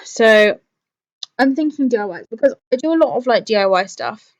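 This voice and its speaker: A woman's voice: fairly high pitch, lively intonation, fairly quick, muffled recording. A woman hosting a live stream with casual, rambling chat to viewers, thinking aloud and often talking herself round. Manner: rambling, thinking aloud, changes own mind.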